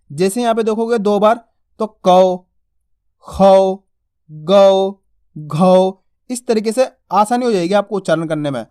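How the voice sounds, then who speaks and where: A man teaching children to read Hindi. He sounds out each syllable slowly, drawing out and stressing the vowels, and keeps quizzing the viewer with short questions. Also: high-pitched. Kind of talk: spoken lesson.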